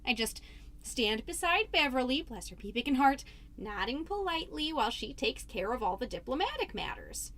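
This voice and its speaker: Her voice sits high and sing-song with a fairly bright tone, a full character voice for a folksy suburban PTA mom hosting a podcast. The theatrical comedy monologue rambles along, chatty and excessively polite, as she cuts herself off and draws out her words.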